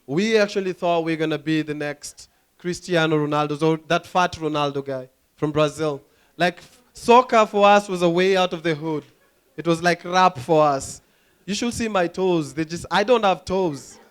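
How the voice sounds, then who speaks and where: A young Kenyan man with a Kenyan accent doing a stand-up comedy set, telling animated stories, acting out voices and laughing at his own jokes. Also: a little high, moderate pace, clear, resonant tone. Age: young adult. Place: comedy club stage.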